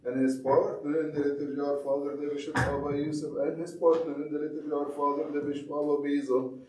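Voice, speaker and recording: Male cleric leading liturgical prayers in an even monotone, recorded from across a reverberant church. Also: fairly high pitch, quick pace, a little hiss or hum. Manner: flat steady recitation. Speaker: clergyman. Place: large church sanctuary. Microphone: distant room mic. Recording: echoey church from far off.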